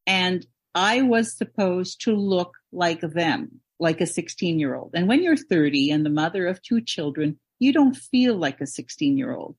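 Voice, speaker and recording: A woman's voice: lowish voice, animated, a little slow, hardly any pauses, slightly rough, no room sound. A woman in her seventies from Canada, a model and podcast guest, tells her story in a candid, reflective way. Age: 70s. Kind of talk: interview storytelling.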